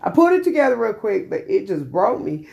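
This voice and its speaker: A woman's voice: medium pitch, very animated, fast, creaky, darkish tone, lo-fi sound. A woman vlogger telling a personal story candidly, rambling and emotional with many restarts.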